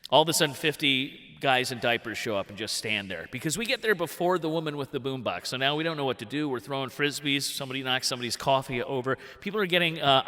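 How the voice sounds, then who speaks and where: Man, 40s, bright tense voice, lively comic stage storyteller, reverb of a theatre hall. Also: mid-range voice. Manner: animated, jumps into big voices for quotes. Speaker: workshop storyteller. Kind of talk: live comic personal storytelling.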